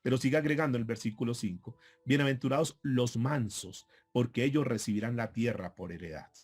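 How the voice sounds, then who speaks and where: A man's voice: medium pitch, a little fast, a little mellow, breathy edge, faint music behind. A man preaching a sermon as pastor, earnestly acting out repentant prayers that rise in intensity.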